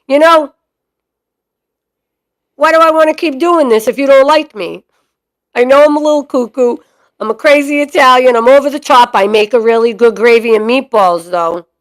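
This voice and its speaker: A woman in her late fifties with a Boston accent speaks in a slightly high voice. She chats to camera in an animated, joking way, like a storyteller. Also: normal speed, pauses often. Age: 50s. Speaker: dog breeder and channel host. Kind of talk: casual chat to camera.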